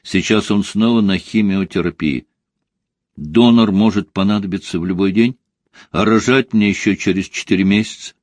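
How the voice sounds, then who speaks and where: A man voicing a sharp-tongued, hostile young pregnant woman in a read story, curt and scornful. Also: fairly low pitch, normal speed, dry recording, close to an everyday voice. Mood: bitter.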